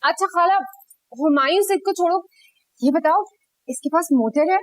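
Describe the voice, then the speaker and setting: A woman's voice: extremely high pitch, normal speed. An actress playing a brash, teasing young woman who wants to marry a man with a car. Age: young adult. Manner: teasing, cheeky. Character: brash outgoing young woman wanting a car-owning groom. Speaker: lead character. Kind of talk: TV drama acting.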